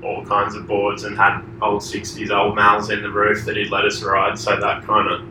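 A man's voice: fairly low pitch, monotone, normal speed, pushed and bright. An Australian surfboard shaper in his thirties, answering interview questions in a laid-back, rambling way. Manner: laid-back, trailing filler-heavy answers. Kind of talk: casual conversational interview. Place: echoey shaping room indoors. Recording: echoey distant room recording with faint noise.

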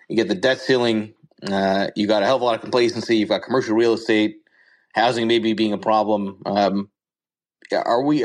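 A man hosting a conversational interview, halting at times and repeating his words. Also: on the low side. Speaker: interview host.

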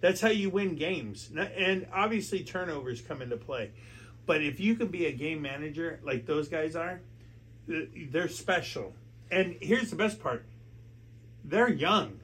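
A man's voice: fairly high pitch, expressive, measured pace, fairly bright tone. An American man who has been drinking, hosting a casual sports chat, emphatic and repetitive, stumbling over his words. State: drunk. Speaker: sports talk show host. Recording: clear background noise.

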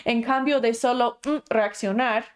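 A woman's voice: fairly high pitch, fairly even intonation, a little slow. A woman instructor giving an online class, explaining patiently and acting out inner voices.

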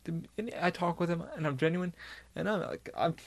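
A man's voice: on the high side, a little fast. A man hosting his own podcast in a rambling, heavily profane casual monologue. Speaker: podcast host.

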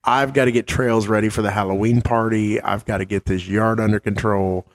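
A man's voice: on the low side, steady tone, a little fast, dry recording. A man co-hosting a podcast, chatting casually in a laid-back, joking way. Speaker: podcast co-host. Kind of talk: casual chat.

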